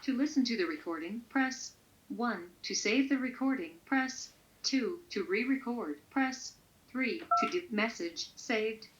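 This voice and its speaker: A woman's recorded voicemail prompts, heard through a landline phone speaker and read out in an even, measured way. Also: on the high side. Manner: even, measured menu announcements. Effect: heard over a landline phone speaker. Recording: muffled lo-fi phone audio.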